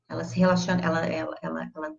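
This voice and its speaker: A Brazilian woman with a Brazilian Portuguese accent giving a casual, expressive live class, chatting directly to her audience. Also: low-pitched, racing, gravelly, crowd noise. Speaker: psychologist teaching a live class. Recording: slightly dull lo-fi livestream audio.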